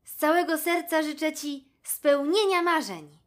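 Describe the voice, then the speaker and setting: A woman voicing a young male jackal in a children's story, speaking high and excited. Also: measured pace. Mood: heartfelt. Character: eager young male jackal, shy and kind.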